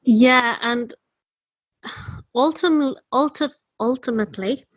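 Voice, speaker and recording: A woman's voice: on the high side, slow pace. A woman hosting a podcast, introducing her guest and asking chatty questions with plenty of fillers. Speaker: podcast host. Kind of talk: podcast interview.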